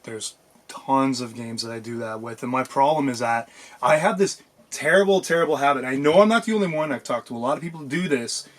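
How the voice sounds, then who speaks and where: A man co-hosting a casual podcast chat, talking in a rambling, animated way with lots of fillers and restarts. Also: mid-range voice, brisk. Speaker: podcast co-host.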